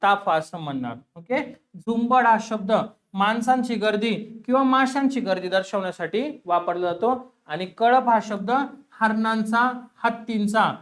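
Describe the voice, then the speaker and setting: A man's voice: high-pitched, a little slow, hardly any pauses, fairly bright tone. Man teaching exam prep, quizzing and answering himself. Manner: asks the class questions and answers them himself, repeating key words. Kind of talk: exam-prep lesson solving questions.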